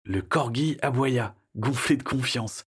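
A man narrating a children's adventure audiobook in a lively storytelling manner. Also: medium pitch, a little slow, slightly rough. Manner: lively storytelling, shifting into character voices.

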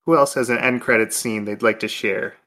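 Bright-voiced man chatting casually. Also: on the low side, brisk. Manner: animated storyteller, lots of "like" and "um". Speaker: podcast co-host. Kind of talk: casual chat.

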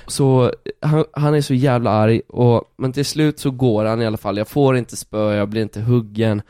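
A man in a relaxed podcast conversation, telling a story with lively energy. He swears casually and acts out the other people's lines. The sound is dry and close. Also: medium pitch, smooth, no echo. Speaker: guest telling stories.

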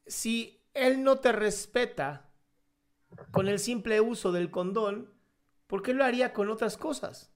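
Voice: mid-range voice, measured pace. An advice show host who cuts in bluntly and calls the caller by pet names. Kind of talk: frank advice talk.

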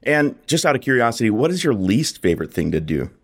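Expressive male podcast host. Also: mid-range voice, quick pace. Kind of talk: scripted podcast host narration.

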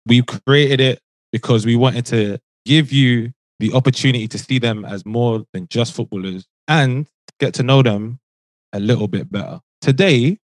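A man's voice: medium pitch, no echo, low-quality recording. A man with an urban London roadman accent, hosting a podcast in casual, bantering street slang. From South London, England. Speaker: podcast host.

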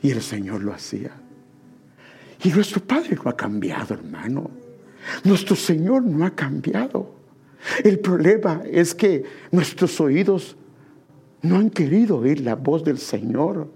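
A man's voice: fairly high pitch, sing-song, measured pace, warm tone, slightly rough. A man preaching a sermon, calling his listeners brother and pressing them with repeated questions.

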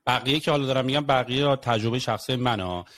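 A man co-hosting a casual podcast, telling stories in an animated way and acting out quotes. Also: mid-range voice, no room sound. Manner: animated, storytelling with acted quotes. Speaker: podcast co-host.

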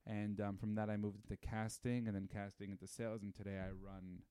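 Thirties guy telling stories, lots of you know and like, low smooth voice, dry close mic. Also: brisk, no echo. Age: 30s. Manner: animated storyteller with many fillers. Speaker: podcast guest. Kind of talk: casual chat.

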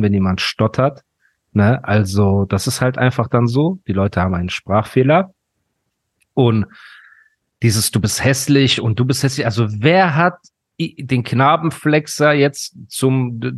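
A man's voice: medium pitch, dry recording, clean studio sound. A man hosting a podcast, ranting in a mock-serious, ironic tone in casual chat. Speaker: podcast host.

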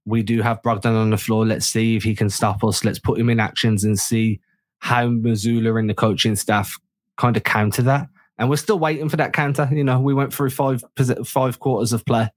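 A man's voice: medium pitch, fairly even intonation, dry recording. Joking man co-hosting a sports podcast. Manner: quick joking asides, analytical. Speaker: podcast co-host. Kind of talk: casual sports chat.

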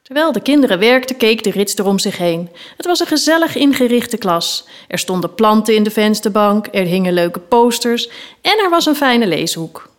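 A woman, the author of a children's book, reading a story from it aloud in a lively storytelling manner. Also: medium pitch, normal speed.

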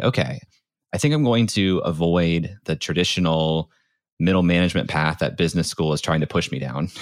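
An American startup founder turned creator tells his story informally as a podcast guest, frequently dropping "like" into his conversational interview answers. His voice is low, and the studio-quality recording has no room sound.

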